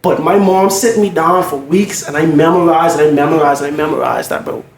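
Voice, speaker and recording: A man's voice: on the high side, fairly quick, gravelly. A man chatting casually and slangily about personal experience, often checking that the listener follows. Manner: slangy, peppered with "bro" and check-in phrases. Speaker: podcast speaker, music entertainer. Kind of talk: casual faith discussion with personal stories. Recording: roomy echo, faint background noise.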